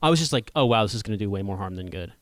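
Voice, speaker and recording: A rapid, animated man in his thirties, from the United States, talking over the others in a casual panel chat. His voice sits on the low side and is recorded dry and close, and he trips over his own words as he rushes ahead. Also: dry recording. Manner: fast, animated, frequent restarts and profanity. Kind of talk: casual political discussion.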